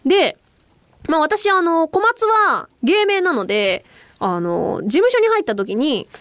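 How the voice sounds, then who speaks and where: A woman's voice: extremely high pitch, sing-song, unhurried, a bit bright, dry recording. A woman hosting a casual radio podcast with a slight Kansai-leaning accent, chatting animatedly, reading listener mail and laughing often. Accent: slightly Kansai-leaning Japanese. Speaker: radio host.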